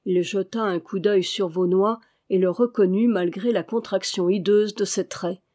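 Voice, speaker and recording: A woman narrating a classic adventure novel aloud in a measured, expressive way. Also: mid-range voice. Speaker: audiobook reader.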